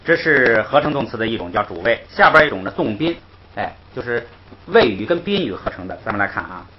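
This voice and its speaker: A man teaching a grammar class, explaining patiently, repeating himself and chuckling softly between points. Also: mid-range voice, very animated, brisk. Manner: patient, repetitive, punctuates with "hey" and soft chuckles. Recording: dull lo-fi recording with faint noise.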